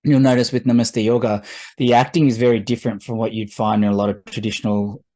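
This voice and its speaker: A man's voice: lowish voice, flat delivery, fast, warm tone. A man from Fiji, answering festival Q&A questions thoughtfully, with many fillers. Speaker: filmmaker guest.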